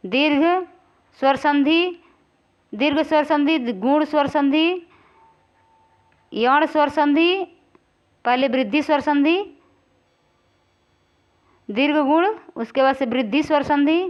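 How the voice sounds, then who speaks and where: A woman teacher going through exam questions, explaining slowly, repeating and drawing out key words, and often asking if the class follows. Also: sits high. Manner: keeps checking understanding with rhetorical questions. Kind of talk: exam-prep grammar lesson. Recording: slightly dull, lo-fi audio.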